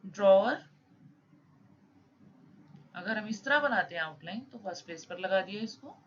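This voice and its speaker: A woman teaching a lesson, reading rules slowly and then explaining them casually. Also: medium pitch, expressive, sharp tone. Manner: reads English rules slowly, then explains in mixed Hindi-English. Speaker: shorthand teacher. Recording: slightly dull with faint noise.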